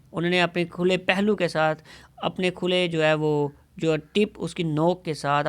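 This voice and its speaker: A man teaching English who reads a story aloud slowly, phrase by phrase, then explains each line more quickly and often corrects himself. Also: fairly high pitch, fairly bright tone, smooth. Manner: addresses students as "son".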